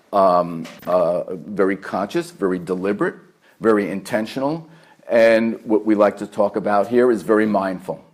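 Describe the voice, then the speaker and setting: A man with a New York accent, a family therapist giving a live workshop talk at a meditation center, measured and earnest, repeating key phrases for emphasis. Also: medium pitch, a little mellow.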